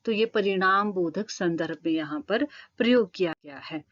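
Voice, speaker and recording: Woman teacher, lowish voice, patient explanatory tone, dull lo-fi sound. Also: moderate pace, fairly bright tone. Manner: patient, repeats points with frequent fillers. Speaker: Hindi grammar teacher. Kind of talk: explanatory online lesson.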